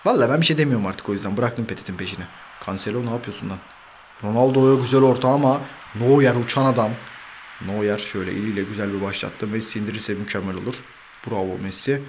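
Excitable man commentating his football game. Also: mid-range voice, highs cut off, slight background noise. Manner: excitable, shouts player names, swears at the players. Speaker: gaming channel host.

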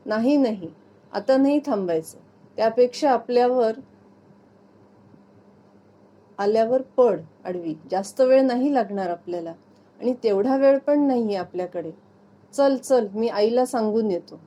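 A woman reading aloud, voicing a playful, affectionate young husband who teases and gently coaxes his wife. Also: very high-pitched, normal speed. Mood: coaxing. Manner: teasing, gently coaxing.

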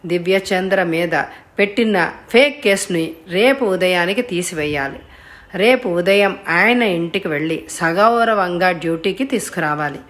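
A woman reading an audiobook voices a calm, taunting young male blackmailer on the phone. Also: fairly low pitch. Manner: calm, unhurried and mocking. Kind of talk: audiobook character voice.

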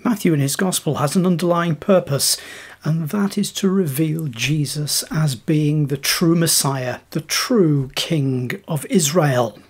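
A man preaching a devotional sermon in a calm, measured teaching tone. His voice is a little husky and sits slightly high for a man.

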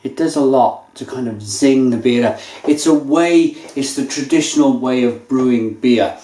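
At medium pitch and a moderate pace, a man in his thirties chats casually while reviewing a beer indoors in his kitchen. He savors each sip and describes it in a relaxed way, heard through a table-distance camera mic with echoey room sound.

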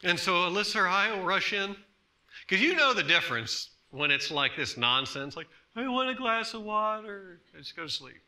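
Impassioned man preaching with bright tone. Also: high-pitched, fairly quick. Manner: swings from soft hushed tones to loud emphatic bursts. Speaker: pastor. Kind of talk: sermon. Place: church sanctuary.

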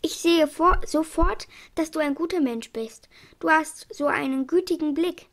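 A woman reading a shy two-headed creature in a children's storybook, talking calmly and earnestly. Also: high-pitched, a little slow.

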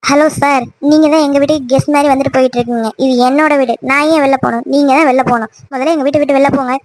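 A woman's voice: high voice, steady tone, rapid-fire, no echo, lightly acted. Woman voicing Soni, hurt young woman. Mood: angry. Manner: sharp, dismissive retorts. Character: young woman in a love story, hurt and angry. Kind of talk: cartoon voice acting.

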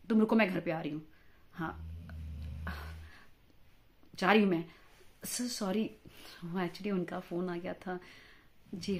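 A woman playing a chatty quarrelsome married mother. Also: lowish voice. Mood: scolding. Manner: chatty, fawning toward interviewer, mixes English words into Hindi. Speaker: job candidate for news anchor. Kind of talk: comic acted monologue.

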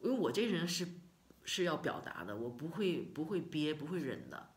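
A middle-aged woman from China recounts a personal story in a casual vlog. Her voice sits low, but her intonation swings widely, and she talks expressively, full of sighs and repetitions. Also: big pitch swings, moderate pace. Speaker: vlogger.

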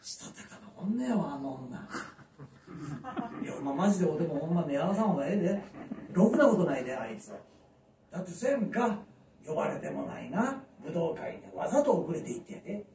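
A man in his fifties with a broad Kansai accent performs a stand-up monologue, slipping into other voices as he tells it. His voice sits high and swings widely. It comes across as a roomy, distant recording from a small venue. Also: fast talker, slight background noise. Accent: Kansai Japanese. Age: 50s. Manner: lively storyteller who acts out voices. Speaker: stand-up comedian. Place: small underground live venue. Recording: echoey room from far off.

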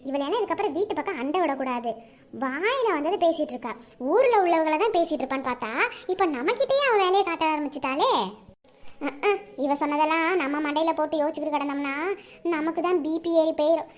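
A woman voicing a quick-tempered village wife in a cartoon, exclaiming loudly with a Kanyakumari Tamil accent. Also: animated. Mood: grumbling. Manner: shrill, exclaiming.

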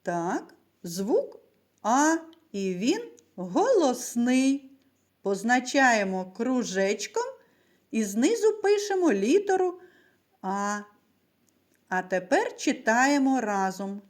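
A woman teacher giving a recorded lesson to young children, speaking slowly and clearly and answering her own questions. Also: fairly high pitch, sing-song. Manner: slow, carefully articulated, asks and answers her own questions.

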